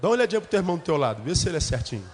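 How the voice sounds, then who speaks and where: High-voiced male pastor in a reverberant church. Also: big pitch swings, racing, slight background noise. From Brazil. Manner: storytelling, shifting into fervent rhetorical questions. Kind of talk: sermon with humorous anecdotes.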